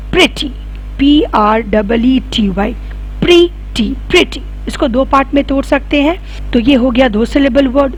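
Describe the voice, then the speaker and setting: A woman's voice: a little high, vocal fry, breathy edge. A woman teaching a grammar lesson. She asks questions and answers them herself, and spells words out letter by letter.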